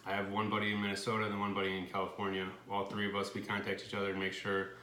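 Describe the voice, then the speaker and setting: A man's voice: on the low side, completely flat delivery, rapid-fire, sharp tone. A man chatting earnestly on a casual vlog, repeating his point. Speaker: guest, boyfriend. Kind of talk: casual chat. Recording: echoey room, faint noise.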